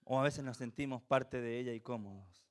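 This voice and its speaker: In a mid-range voice that runs a little fast, a man from Venezuela preaches in church. His Venezuelan accent is lightly tinged with Chilean. Earnest repetition and rhetorical questions run through his sermon.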